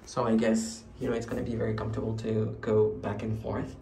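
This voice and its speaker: Holding his phone at arm's length, a young French-speaking man vlogs his travels, rambling and self-mocking with lots of fillers. His fairly low voice is completely flat and fairly quick, creaky yet warm, with a little hiss or hum in the audio. He starts in a hotel room and bathroom, then heads to a night street market.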